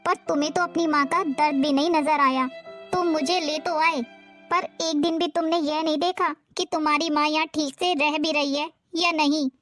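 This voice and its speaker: A woman voicing an elderly mother-in-law who speaks in slow, wounded reproach. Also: high voice, steady tone, a bit bright, faint music behind. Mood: hurt.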